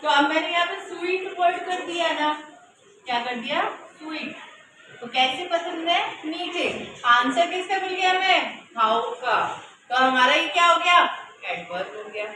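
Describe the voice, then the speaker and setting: A woman's voice: extremely high pitch, a little slow. A woman teaching a grammar lesson, asking questions and answering them herself. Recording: echoey room from far off with noise.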